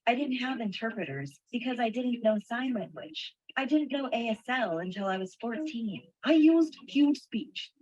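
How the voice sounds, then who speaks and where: Woman doing a translation voice-over, slightly high and husky, calm plain delivery, dull lo-fi video sound. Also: normal speed. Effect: spoken translation voice-over for a signing person. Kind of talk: voice-over interpreting a first-person account.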